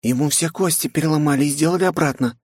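A man voicing a devoted, jumpy young female guardian who speaks in hushed, urgent bursts in an audiobook. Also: a little high, fast, slightly rough, dry recording, studio quality, pitched above the performer's own voice. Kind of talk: audiobook character voice.

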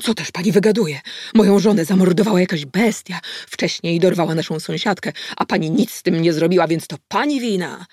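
A woman reading an audiobook and voicing a loud, indignant, bullying middle-aged man who shouts back when accused. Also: sits high, a little fast, dry recording, studio quality. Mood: blustering.

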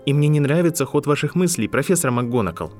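A man reading an audiobook, voicing an angry, indignant eleven-year-old boy wizard who shouts in fast outbursts. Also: fairly high pitch, expressive, soft background music, voice pushed up, close to an everyday voice. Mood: furious. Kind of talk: audiobook narration.

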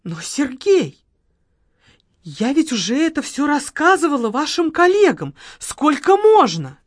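A woman's voice: sits high, sing-song, a little slow, no echo, clean studio sound, voice pushed up. A woman voicing a theatrical, self-pitying widow who pleads and sighs melodramatically. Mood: dramatic pleading.

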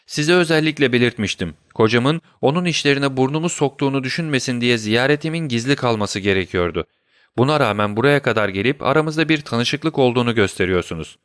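A man's voice: mid-range voice, animated, fairly quick, a bit bright, clear, resonant tone, no echo, studio quality, voice pushed up, lightly acted. A man voicing a proud, emotional noblewoman in an audiobook reading, raising his voice to play her. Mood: indignant. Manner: indignant, emotional. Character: proud noblewoman, defiant then pleading.

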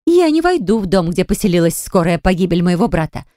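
A woman's voice: sing-song, moderate pace, a little mellow, dry recording, studio quality. A woman reading an audiobook and voicing a haughty, hysterical dragon woman who snarls and shrieks at her brother's mate. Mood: hysterical fury. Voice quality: shrill, hissing and snarling.

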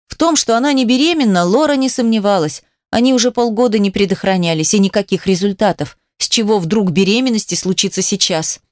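A woman reading an audiobook, with measured and expressive scripted narration. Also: medium pitch, no room sound, clean studio sound.

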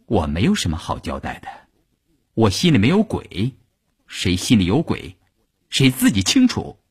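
A man's voice: lowish voice, huge pitch swings, normal speed, breathy edge, heavily acted. A man voicing a proud, stubborn young pregnant wife who answers back defiantly. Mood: cold defiant. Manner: defiant, loud retorts.

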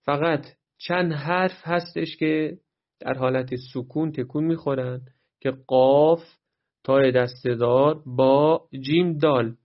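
A fairly high-voiced man gives a tajweed lesson, patiently breaking down each letter and sound. He stops often to chant words slowly as examples. The recording sounds dull and lo-fi. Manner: patient, explains step by step and models drawn-out recitation. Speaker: Quran recitation teacher.

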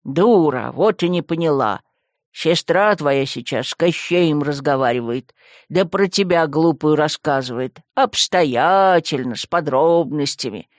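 A woman voicing a grumpy, rude male talking skull staff in an audiobook, gruff and scolding. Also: deep voice, expressive, unhurried, dry recording, clean studio sound, voice pushed down. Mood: scornful grumbling. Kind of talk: audiobook character voice.

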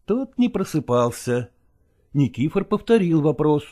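A narrator reading a story aloud in a measured, expressive way, lowering the voice for narration.

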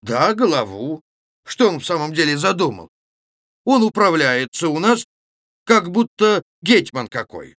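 Brief: a man doing a swaggering, loud young reveller, high and forceful. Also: very animated, measured pace, dry recording, studio quality. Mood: rowdy. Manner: loud, swaggering, stirring up a crowd. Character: burly boisterous young male reveller, rowdy.

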